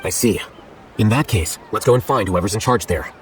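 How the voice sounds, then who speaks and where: An actor playing a calm, blunt male scholar and official in a video game. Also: lowish voice, fairly quick, slight background noise, close to an everyday voice. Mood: cool, matter-of-fact.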